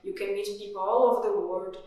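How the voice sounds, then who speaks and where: A woman's voice: mid-range voice, level tone, quick pace, a little mellow. Brazilian woman in a very echoey room. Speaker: automotive engineer. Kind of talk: testimonial interview. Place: indoor room with poster. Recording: very echoey room, distant mic.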